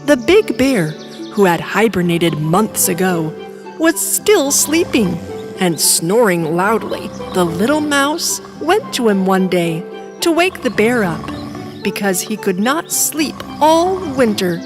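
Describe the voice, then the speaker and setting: A woman narrating a children's storybook in an expressive, sing-song manner. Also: mid-range voice, takes it slowly, music in the background.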